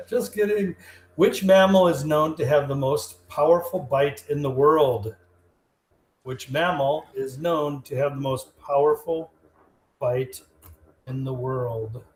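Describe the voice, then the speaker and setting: A man's voice: on the high side, slow pace. A joking, easygoing man co-hosting a live stream from his desk, his voice sounding tinny and metallic, as if inside a tin can. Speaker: co-host, trivia presenter. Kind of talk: casual live-stream chat. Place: at his desk, away from the host. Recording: echoey tin-can remote audio, faint hiss.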